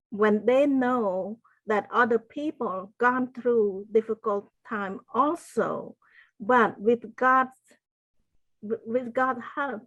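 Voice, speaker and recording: Slow, earnest older woman from Cambodia. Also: a little high, no echo, dull audio. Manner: slow, earnest, faith-filled storytelling. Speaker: podcast guest, wellness consultant. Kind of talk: interview answers, personal testimony.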